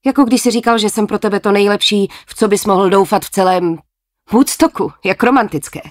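A woman's voice: medium pitch, voice pushed up, close to an everyday voice. A woman voicing a young woman who answers her ex curtly and with sarcasm. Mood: sarcastic. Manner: sarcastic and curt.

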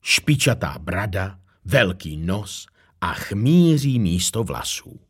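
A man reading a children's fairy tale aloud in an expressive, animated way. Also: low-pitched, husky. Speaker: narrator.

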